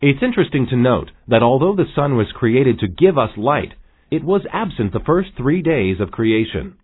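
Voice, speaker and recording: Animated, husky male documentary narrator. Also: medium pitch, moderate pace. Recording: narrow phone-like sound.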